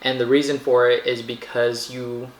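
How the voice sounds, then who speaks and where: A man narrating a casual food vlog in a rambling, halting way, often searching for words. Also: medium pitch, level tone. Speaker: food vlogger. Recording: echoey room with faint background noise.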